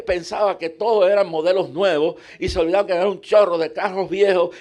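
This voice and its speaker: A man preaching a sermon as a story, emphatic, repeating himself and stumbling into restarts. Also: sits high.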